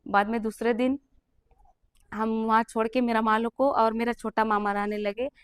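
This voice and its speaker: Young woman, fairly high voice, emotional testimony teller, dry sound. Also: steady tone, moderate pace, smooth, no room sound. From Jharkhand, India. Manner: earnest and emotional, acting out the people she quotes. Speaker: testimony giver.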